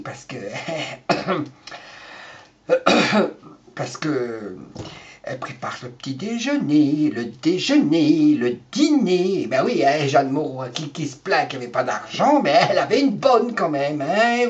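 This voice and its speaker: A man's voice: on the high side, very animated, measured pace, a little mellow. A man rambling through a gossip monologue as a vlogger, repetitive and chuckling. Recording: dull lo-fi recording.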